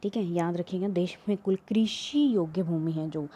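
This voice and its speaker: A woman's voice: lowish voice, normal speed, warm tone, slightly rough. A woman teaching an exam-prep lesson, reading questions aloud and explaining them with many fillers and restarts.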